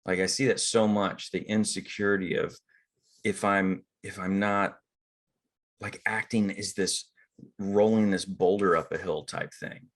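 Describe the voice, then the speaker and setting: A man's voice: low-pitched, steady tone, unhurried. A middle-aged man, an acting coach, talking casually about screen acting and acting out the thoughts he quotes. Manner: conversational, acts out quoted inner thoughts. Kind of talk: casual teaching talk on acting.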